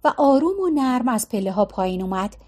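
High-voiced woman narrating a novel. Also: big pitch swings, warm tone. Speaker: audiobook narrator. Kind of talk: storytelling narration.

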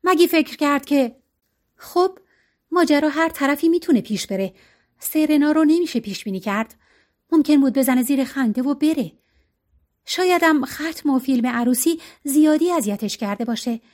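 A woman narrating an audiobook in an expressive, even storytelling voice. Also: sits high.

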